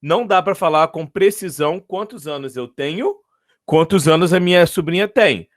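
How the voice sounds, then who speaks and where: A man's voice: a little high, moderate pace. A man with a Brazilian accent, teaching a math lesson, patiently repeating his points and checking in with the students. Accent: Brazilian Portuguese.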